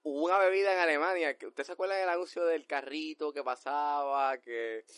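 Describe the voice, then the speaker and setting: A man co-hosting a casual podcast, excitable and stammering when flustered. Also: fairly high pitch, a little fast, smooth, no room sound. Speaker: podcast co-host. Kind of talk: casual joking podcast chat.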